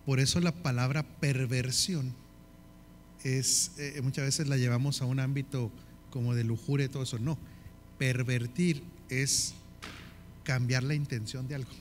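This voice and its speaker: Speaking a little slowly with fairly even intonation, a man with a northern Mexican Spanish accent teaches leadership in a sermon style. He checks often with the audience and lists in repeated phrases, and his medium-pitched voice comes with slight background noise.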